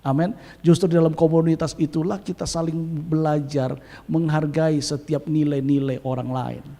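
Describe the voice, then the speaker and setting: A male pastor preaching a sermon in a lively way, quizzing the congregation and calling for amens. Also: a little high, moderate pace. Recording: long hall reverb.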